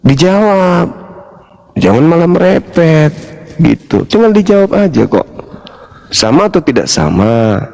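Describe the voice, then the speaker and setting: Mocking, animated man hosting a stream. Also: fairly high pitch, measured pace, vocal fry, pauses often. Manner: teasing, laughs often, repeats his questions insistently. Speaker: host of a live debate stream. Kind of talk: mocking live-stream debate.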